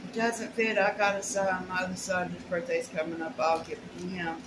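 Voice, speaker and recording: A middle-aged woman with a fairly low, flat voice talks a little fast, casually and plainly rambling to camera in short bursts while showing off her shopping haul. She's at home in a small, plain room, and the noisy recording has a roomy echo.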